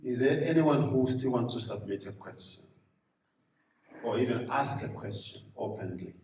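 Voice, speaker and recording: A man's voice: medium pitch, normal speed, a little mellow, slight background noise. A man making a church announcement, hesitant and searching for his words. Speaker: program host. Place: church hall. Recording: echoey hall, mic from a distance.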